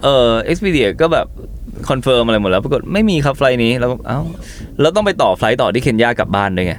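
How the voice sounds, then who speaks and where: A man telling travel stories as an interview guest, animated and casual, acting out what people said. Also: mid-range voice, fast talker, faint music behind. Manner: animated, acts out quotes, swears casually. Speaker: travel content creator guest.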